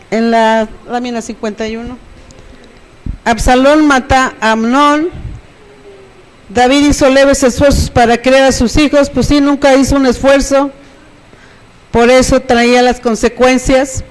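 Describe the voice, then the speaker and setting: A middle-aged Mexican woman preaches a sermon from the pulpit. She speaks with a Mexican accent and keeps drawing in her congregation with quick rhetorical questions. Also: high-pitched, low-quality recording. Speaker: pastor.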